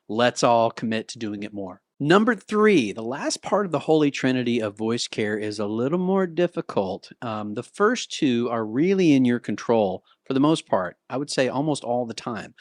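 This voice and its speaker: A man's voice: mid-range voice, no room sound. Easygoing man teaching singing, dry sound. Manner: casual, conversational, with sung demonstrations. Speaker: vocal coach. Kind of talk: talking-to-camera singing lesson. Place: Nashville.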